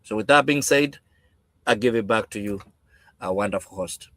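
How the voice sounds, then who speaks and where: A man's voice: lowish voice, normal speed, fairly bright tone, dry recording. A man giving a faith-based motivational talk as a panel speaker, emphatic and preachy, repeating words for weight.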